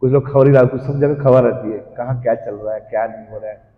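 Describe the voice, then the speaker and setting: A man giving a devotional scripture talk, telling the story with animated acted-out voices and reading commentary slowly. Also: mid-range voice. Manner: reads English commentary slowly. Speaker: preacher. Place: temple hall. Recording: dull, hall-like echo.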